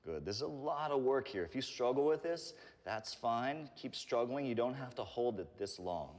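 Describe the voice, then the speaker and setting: A man giving calm, encouraging step-by-step instruction as he leads a guided stretching workout. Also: mid-range voice, moderate pace. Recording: reverberant room with long echo.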